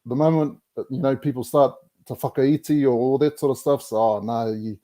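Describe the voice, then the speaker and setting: Mellow man with a broad Kiwi accent. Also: mid-range voice, steady tone, brisk. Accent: broad Kiwi, Māori New Zealand English. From New Zealand. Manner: colloquial, peppered with Māori words and "bro". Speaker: podcast guest. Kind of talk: casual reflective conversation.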